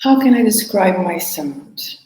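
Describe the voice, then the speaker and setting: Speaking English in a casual interview, a singer from Portugal keeps breaking off and restarting her sentences, laughing between replies. Her voice is fairly low and mellow with big pitch swings, in an echoey room with slight background noise.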